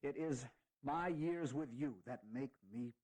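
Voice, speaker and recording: A man playing a dignified, fatherly aging general, giving stirring, deliberate and sometimes halting oratory in a historical audio drama. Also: medium pitch, darkish tone, close to an everyday voice. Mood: earnest, heartfelt. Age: older.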